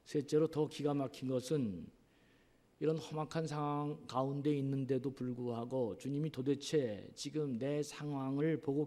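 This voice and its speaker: A man preaching a sermon as pastor, earnest, asking rhetorical questions and pausing on drawn-out fillers. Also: medium pitch, gravelly, warm tone. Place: church sanctuary. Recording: long reverb of a church hall.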